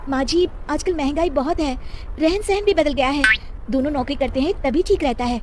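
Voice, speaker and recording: Woman doing a meek, high-voiced young daughter-in-law. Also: normal speed, very noisy, natural voice. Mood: pleading. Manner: soft-spoken, deferential, pleading.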